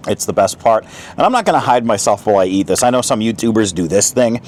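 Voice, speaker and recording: A man talks through a camp meal review in a casual, chatty way, often while eating. His voice sits fairly low. Faint outdoor noise runs underneath. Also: lively intonation, fast, a little mellow. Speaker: outdoor vlogger. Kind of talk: casual food review vlog. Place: outdoor picnic spot.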